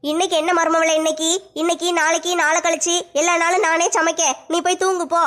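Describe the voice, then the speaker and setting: A woman playing a shrill scheming mother-in-law. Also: level tone, fairly bright tone. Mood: sly. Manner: scolding, sly, fast-talking. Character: scheming sharp-tongued middle-aged mother-in-law. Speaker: comedy sketch actor. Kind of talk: comic family sketch acting.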